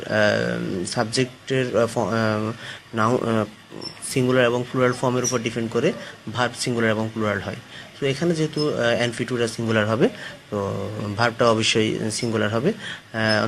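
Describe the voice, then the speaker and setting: Man, grammar teacher, mid pitch, halting delivery, faint hiss. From Bangladesh. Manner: hesitant, many filler sounds, spells out words letter by letter. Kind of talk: classroom grammar lesson.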